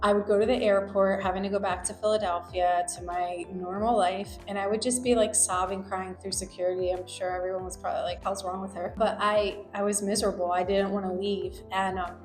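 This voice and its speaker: A woman lawyer from the United States who grew up in New Jersey tells her personal story in a reflective, conversational way, full of fillers. Her voice is medium-pitched and darkish, with little pitch movement, and she talks briskly with few pauses. The recording has an echoey room and faint music.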